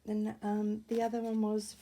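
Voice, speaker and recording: A woman with a slightly croaky voice, talking softly and rambling in a casual show-and-tell vlog from a small room at home, often dropping to near-whispers. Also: medium pitch, completely flat delivery, moderate pace. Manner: soft-spoken, rambling, drifts into near-whispers. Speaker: vlogger showing vintage finds. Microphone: camera or tablet on a desk.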